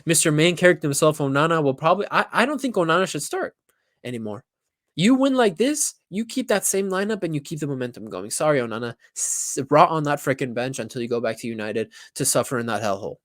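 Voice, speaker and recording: A young man talks through a football match he watched, voice a little higher than most men's, and he acts out each big moment as he goes. He swears freely and gets carried away. He sounds close to the mic in a dry room. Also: fast, no room sound. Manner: animated, swears, acts out reactions. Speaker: football reaction vlogger. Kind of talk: excited casual commentary.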